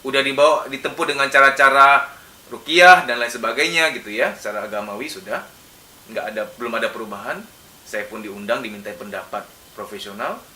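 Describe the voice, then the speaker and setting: A man lecturing as a psychologist in a casual conversational register, animated and acting out his examples with sudden loud bursts. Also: medium pitch, fairly quick. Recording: echoey room, mic at a distance.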